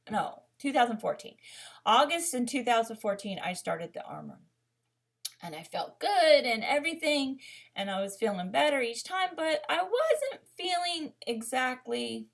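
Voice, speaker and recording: A woman's voice: fairly high pitch, vocal fry. A woman in her thirties telling her own story in a casual vlog, rambling and candid, with many fillers and restarts. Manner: rambling and candid, with frequent fillers and self-corrections. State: emotional, near tears. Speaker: vlogger.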